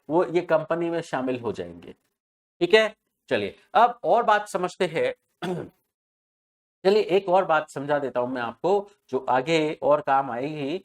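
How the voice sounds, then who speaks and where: Man lecturing on tax, repeating key points. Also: fairly high pitch. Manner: asks rhetorical questions and answers them, repeats key terms. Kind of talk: classroom lecture.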